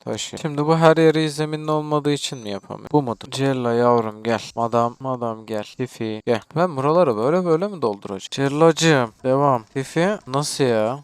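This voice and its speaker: A young man with a Turkish accent giving let's-play commentary, excitably calling to his game characters, cursing and joking. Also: mid-range voice. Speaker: gaming YouTuber.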